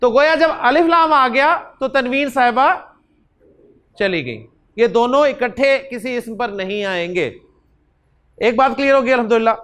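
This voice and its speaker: A man's voice: extremely high pitch, lively intonation, a bit bright, clear, resonant tone. A man, teaching a beginners' Arabic lecture, repeating examples and quizzing his students. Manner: slow, repeats examples, drills students with questions. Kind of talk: classroom lecture.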